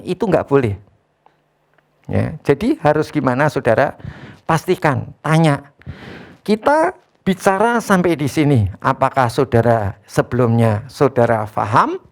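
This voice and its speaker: A pastor preaching an online sermon in an easygoing, talky style. The speech comes in short phrases, often closed with a questioning "ya", with frequent direct address to the listeners as brothers and sisters. The pitch sits at an ordinary middle level. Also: darkish tone.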